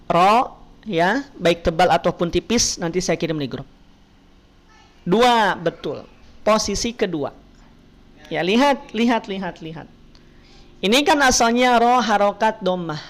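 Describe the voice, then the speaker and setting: A woman teaches Quran recitation over a video call at an unhurried, careful pace. She patiently quizzes her students and models each sound for them. Her voice sits at an ordinary middle pitch. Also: lively intonation. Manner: patient, asks students questions and models pronunciation. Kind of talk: online Quran reading class.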